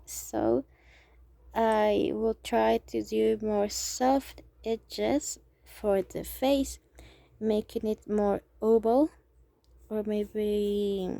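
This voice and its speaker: Speaking English as her second language, a young Mexican woman with a Mexican Spanish accent casually guides viewers through a drawing tutorial as an amateur artist. Her fairly high, soft voice has vocal fry and occasionally drops almost to a whisper, her speech halting and thought-out-loud. The recording has no room sound.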